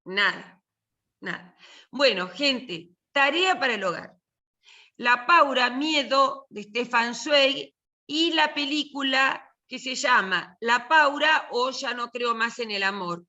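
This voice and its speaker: A woman's voice: high voice, slow, sharp tone. An older woman with an Argentine accent, teaching a literature and film class in a chatty, joking, colloquial way over a video call. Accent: Argentine Spanish. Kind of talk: casual online class talk.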